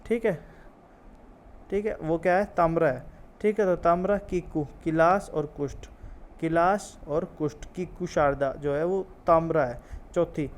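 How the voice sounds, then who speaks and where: A man's voice: on the high side, steady tone, unhurried. A man teaching an ayurveda exam lesson, repeating key terms, drilling memory tricks and asking and answering his own questions. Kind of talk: classroom-style lecture with memory tricks.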